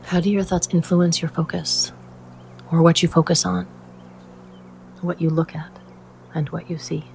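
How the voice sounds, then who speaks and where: Soft and at times breathy, the mid-range voice of a meditation guide comes through with a flat delivery and slight background noise. The guide soothes with a measured rhythm and frequent pauses.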